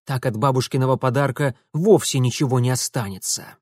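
A man's voice: mid-range voice, brisk, darkish tone, no room sound, studio quality, lightly acted. A man voicing a brusque young man who gives curt, impatient orders in an audiobook. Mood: angry. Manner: curt, commanding. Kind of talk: audiobook character voice.

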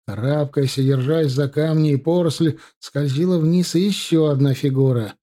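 A man narrating an audiobook in a measured, even way. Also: a little high.

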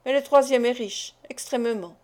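A woman's voice: a little high, moderate pace, darkish tone, lightly acted. A woman reading the lines of a scheming male agent who insinuates and threatens, in an audiobook.

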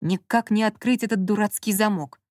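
Женщина читает за ворчливого мужчину. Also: female voice, mid-range voice, fairly even intonation, normal speed, darkish tone, dry recording, clean studio sound, lightly acted. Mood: muttering. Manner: grumbling, irritable, muttering. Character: grumpy man absorbed in work, snappish. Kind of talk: audiobook character reading.

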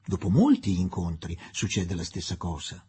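A man reading a novel aloud for radio with expressive storytelling. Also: sits low, normal speed, breathy edge. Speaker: narrator.

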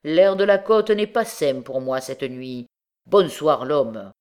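A woman's voice: low-pitched, slow, darkish tone. A woman reading an audiobook, voicing a sly, mocking old male beggar turned bandit. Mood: jaunty.

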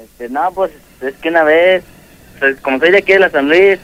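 A man's voice: on the high side, lo-fi sound. Rambling Mexican man telling a ghost story. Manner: rambling, halting, full of "pues" and "¿no?". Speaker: caller.

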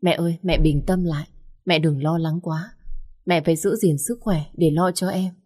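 A woman's voice: lowish voice, steady tone, moderate pace, mellow, husky. A woman voicing a worried young waitress who speaks politely and urgently. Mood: anxious.

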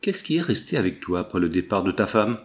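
A man's voice: deep voice, big pitch swings, quick pace. A man voicing a sly, scheming male friend in an audiobook, speaking in an insinuating, mock-sympathetic way. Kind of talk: audiobook dialogue reading.

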